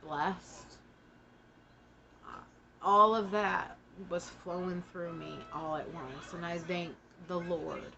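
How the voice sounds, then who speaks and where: A woman with a low, bright-edged voice talks casually to her viewers in halting phrases. She sounds short of breath, and music plays behind her. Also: creaky, dull audio. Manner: halting, broken phrasing with pauses. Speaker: vlogger giving a personal family update. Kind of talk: casual, personal monologue to camera.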